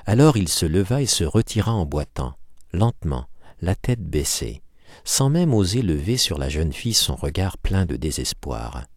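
Deep-voiced man reading a classic novel. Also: sing-song, moderate pace, no room sound, studio quality. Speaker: audiobook narrator. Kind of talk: scripted literary narration.

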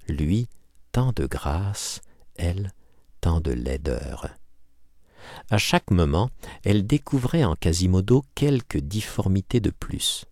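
A man's voice: low voice, darkish tone, dry recording, studio quality. A man narrating a classic novel as an audiobook, reading expressively. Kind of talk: scripted literary narration.

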